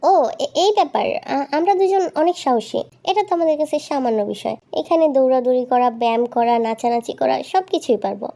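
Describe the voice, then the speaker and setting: A woman's voice: sits high, lively intonation, fairly quick, hardly any pauses, mellow. A woman voicing a nervous young bachelor man who stammers and stalls in a storybook dub.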